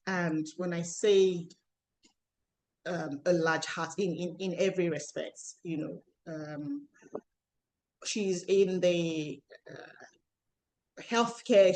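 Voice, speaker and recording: A woman's voice: lowish voice, a little mellow. A woman coach hosting an online relationship panel over a video call, talking in a chatty, rambling way with many restarts. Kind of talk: live online panel introduction.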